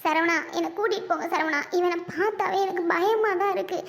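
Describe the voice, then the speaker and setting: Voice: very high voice, a little fast, fairly bright tone. A performer playing a frightened, tearful young woman who pleads to be taken away in a skit. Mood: scared pleading. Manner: pleading, fearful.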